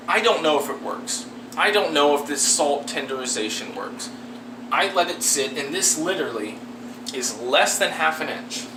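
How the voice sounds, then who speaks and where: Around his thirties, an American man swears here and there as he talks through his cooking for his amateur vlog, easygoing and frank. His voice is a little high, and the camera, a step or two away in his small indoor kitchen, gives a roomy, distant sound with background hum.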